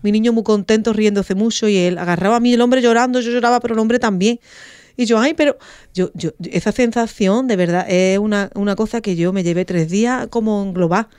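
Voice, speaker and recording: A woman's voice: mid-range voice, a little fast, smooth, no room sound, studio quality. Woman telling a heartfelt story. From Andalusia, Spain. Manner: animated, acts out quoted dialogue. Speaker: radio guest. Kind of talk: emotional storytelling in a radio talk.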